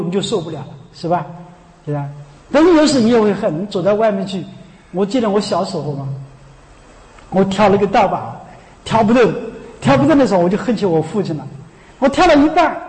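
A high-pitched male preacher gives a Buddhist sermon in an emphatic, animated way. He keeps throwing rhetorical questions at his listeners and chuckles often, and his voice carries a long reverb from a large hall. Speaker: Buddhist teacher.

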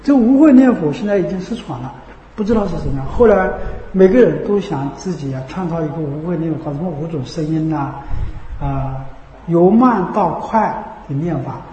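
A man with a high yet mellow voice gives a dharma talk as a Buddhist teacher. He speaks in a chatty way and keeps asking his listeners whether they follow. The sound rings through a roomy hall with a long reverb. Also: expressive, moderate pace, muffled recording, slight background noise. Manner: conversational, keeps checking with listeners by asking "you know?".

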